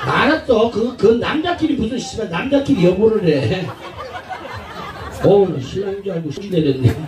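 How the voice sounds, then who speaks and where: A man's voice: sits high, lively intonation, moderate pace. A man doing a street prank comedy bit, coaxing passersby with a brash, laughing, swearing manner. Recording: echoey outdoor street, crowd noise, distant mic.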